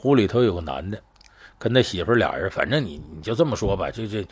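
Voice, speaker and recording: Male storyteller, husky, animated delivery, slips into character voices. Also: fairly low pitch, fast. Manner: lively, conversational, acts out voices in the story. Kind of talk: casual spoken storytelling of a true crime case.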